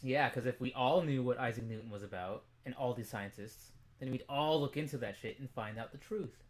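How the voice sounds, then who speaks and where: A man co-hosting a casual podcast, goofy and jokey, swinging from mumbles to loud outbursts. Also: medium pitch, a little fast. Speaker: podcast co-host. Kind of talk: casual chat.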